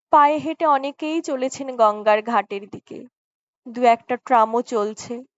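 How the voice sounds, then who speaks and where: A woman reading a story aloud in an audiobook narration, slow and softly dramatic. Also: on the high side, no echo. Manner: slow, soft dramatic reading with acted dialogue. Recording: dry, slightly dull lo-fi recording.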